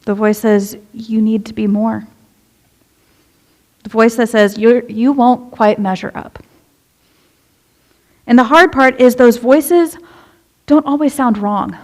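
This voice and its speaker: A young woman serving as a youth minister delivers a relaxed, conversational sermon in a church sanctuary, putting questions to the congregation. Her voice sits a little high, and she speaks slowly with long pauses. She comes across as chatty and relatable.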